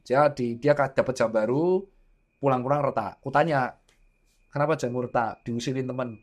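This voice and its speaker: A man in his thirties chats on a podcast as a doctor and father. He tells stories in an animated way, slipping into the voices of the people he quotes. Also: mid-range voice, moderate pace. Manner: animated storytelling, acting out quoted dialogue. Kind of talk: casual podcast chat.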